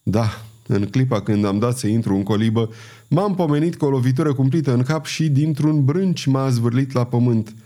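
A man voicing an anxious, earnest young male monk in an audiobook reading, speaking in a hurried, distressed way. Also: mid-range voice, dark tone, natural voice.

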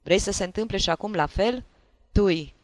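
A man voicing a tipsy, jealous husband who shouts and scolds in an audiobook. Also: high voice, no room sound, pitched above the performer's own voice, close to an everyday voice. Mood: furious. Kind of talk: audiobook character voice.

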